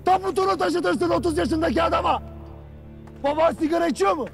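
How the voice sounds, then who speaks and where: Harsh army commander chewing out his unit; shouting, pushed way up in pitch. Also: a little fast, vocal fry, faint music behind. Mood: furious. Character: stern male army commander berating his troops. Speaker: military commander. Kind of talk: dramatic film acting.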